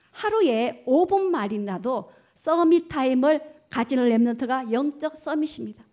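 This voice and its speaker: A middle-aged woman pastor delivers a sermon in a church, her voice sitting high. She keeps asking her listeners questions and then answers them herself. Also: a little mellow. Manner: call-and-response questions to the congregation. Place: church sanctuary.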